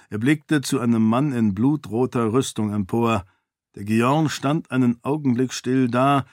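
A man narrating a fantasy audiobook in a steady, clear storytelling manner. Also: medium pitch, no room sound, studio quality.

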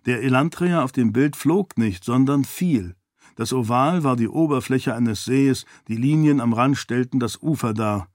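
A man reading a novel aloud as audiobook narrator, in a calm, measured way, lightly voicing the characters. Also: medium pitch, no room sound, studio quality. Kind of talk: scripted narration.

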